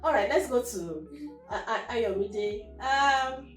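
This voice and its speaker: A woman's voice: a little high, expressive, slow pace. A woman hosting a talk show with teenagers, asking encouraging, chatty questions. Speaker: host. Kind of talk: interview questions. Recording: roomy, distant mic, faint music.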